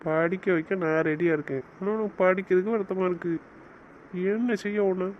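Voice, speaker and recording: A man's voice: sits high, a little fast, dull audio, a little hiss or hum, natural voice. A man playing a teasing, bossy young husband in an audio romance series, scolding his wife in playful banter.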